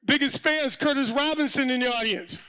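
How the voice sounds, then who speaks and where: High-voiced, excitable man hosting. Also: a little fast, background noise. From Hartford, Connecticut. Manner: enthusiastic, shouty, hypes his guests. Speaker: host and producer. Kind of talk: hosting a live event over video call. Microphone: video call.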